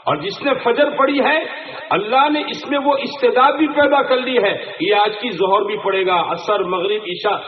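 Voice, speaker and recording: Speaking in a very high voice at a moderate pace, this man delivers an Islamic sermon to an assembled crowd and keeps asking them rhetorical questions. It's recorded with thin, phone-like quality inside a room full of echo.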